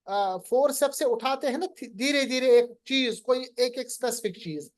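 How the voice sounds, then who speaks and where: A man teaching Quran recitation in a lesson, quizzing his student and slowly drawing out recited words. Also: very high-pitched. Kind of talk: online lesson.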